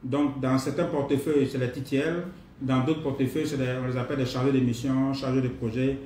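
A man leading a live online training class, greeting participants and speaking at an unhurried pace with pauses and fillers. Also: medium pitch, flat delivery, a little mellow. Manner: unhurried, repeats himself, many pauses and fillers. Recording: roomy distant mic, faint noise.

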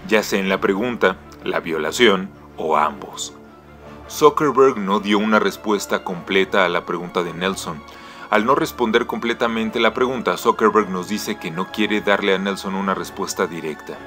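Male voice-over narrator, measured explanatory read, slightly low register. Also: a bit bright, soft background music.

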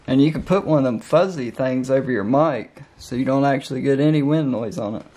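A man chats through a casual how-to vlog in a relaxed, folksy, plain-spoken way. His voice is mellow and warm, recorded on a helmet-mounted mic with a faint hiss behind it. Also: medium pitch, a little fast. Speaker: motovlogger. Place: indoors at a dining table. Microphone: helmet-mounted mic by the camera.

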